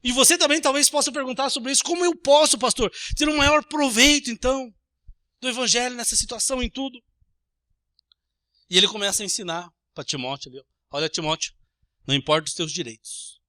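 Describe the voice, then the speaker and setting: A Brazilian man preaching a sermon as pastor, animated, acting out little everyday scenes with changing voices. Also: very high-pitched, a little fast, no echo, clean studio sound. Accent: Brazilian Portuguese.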